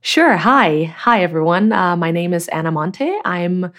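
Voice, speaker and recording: Casting: Brazilian sound designer guest, woman, deep voice, relaxed and friendly. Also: a little slow. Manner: friendly, easygoing, laughs lightly. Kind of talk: casual interview talk.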